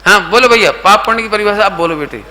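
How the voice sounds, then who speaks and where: A middle-aged man giving a sermon to a youth camp, asking his listeners questions, mixing in English words, and now and then slowly singing a line of verse. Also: high voice, pushed and bright. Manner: asks the audience questions and coaxes answers; sings verse lines slowly. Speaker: Jain preacher.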